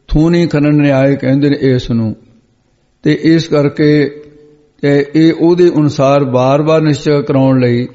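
A man's voice: medium pitch, warm tone. A man preaching as he explains scripture line by line, glossing each word and repeating phrases for emphasis. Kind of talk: line-by-line scripture exposition sermon. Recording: dull lo-fi sound with long hall reverb.

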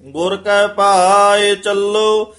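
Slow, chanting man reciting scripture. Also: sits high, flat delivery, a bit bright, faint music behind. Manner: slow, measured, sung-through reading.

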